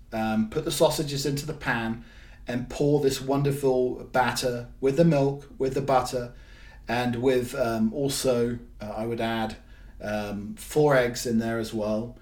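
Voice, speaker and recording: A man talks his way through a solo podcast, wandering off track and filling gaps with ums and repeated words. His voice sits at an ordinary middle pitch. He sounds a little away from the mic, in a room that echoes. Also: fairly even intonation, a little slow, a little mellow. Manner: rambling, frequent ums and restarts. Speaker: podcast host. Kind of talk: casual solo podcast talk. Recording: roomy, from a distance.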